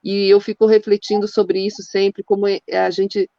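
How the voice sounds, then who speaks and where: A woman's voice: mid-range voice, level tone, warm tone, no room sound, highs cut off. A woman moderator on a video call, politely and hurriedly wrapping up a panel. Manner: polite, apologetic, hurried wrap-up.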